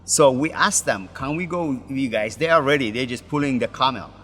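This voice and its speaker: Brief: middle-aged Ethiopian-born male pastor, halting and restarting, bright tone, long room reverb under faint music. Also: medium pitch. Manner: halting, broken English with many restarts. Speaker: pastor, interview guest. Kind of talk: personal story in an interview.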